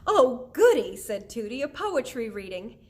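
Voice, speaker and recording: Woman doing a gushing excitable neighbor lady. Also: high-pitched, a little slow, voice pushed up. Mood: excited. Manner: gushing, exclamatory, loud.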